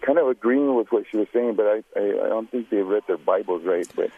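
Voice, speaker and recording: A radio show caller, a man with a low, husky voice, heard through a thin, tinny phone line. He talks in a hesitant, halting way as he lays out his question. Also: no echo. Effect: heard over a phone line. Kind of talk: call-in question.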